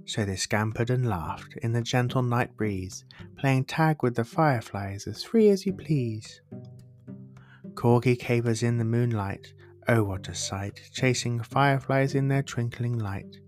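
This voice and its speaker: A man reading a rhyming bedtime story aloud as a storybook narrator, in a measured delivery. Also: medium pitch, a little mellow. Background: plucked guitar music.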